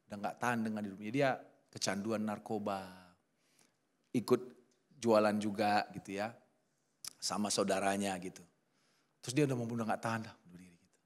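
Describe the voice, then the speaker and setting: A man's voice: fairly low pitch, moderate pace, long pauses. A middle-aged man preaching a sermon at a church service, telling stories with acted-out quotes. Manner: lively storytelling with acted quotes. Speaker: pastor.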